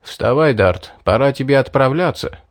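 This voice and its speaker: A man voicing a gruff, brisk male squad leader in an audiobook, giving curt orders. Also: mid-range voice, lively intonation, natural voice.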